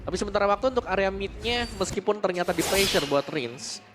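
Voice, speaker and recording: A man's voice: high-pitched, lively intonation, a little fast, background noise. An Indonesian man giving analytical live commentary on an esports match as one of the casters.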